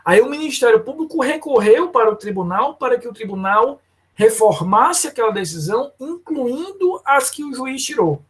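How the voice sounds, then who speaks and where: With a very high, expressive, slightly rough voice at a moderate pace, a man lectures on law in a live online class. As a professor, he walks through each point step by step and addresses students by name.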